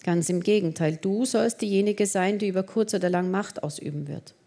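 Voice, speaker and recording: A woman's voice: medium pitch, a little fast, mellow, natural voice. A woman reading the lines of an earnest young man who pleads and persuades in an audiobook romance. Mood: pleading.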